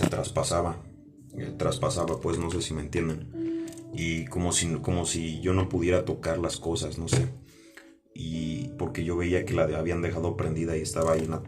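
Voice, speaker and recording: A man from Mexico, giving a personal religious testimony in a halting, repetitive way and often checking in with "ok?". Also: sits low. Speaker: testimony speaker. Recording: music playing under the voice.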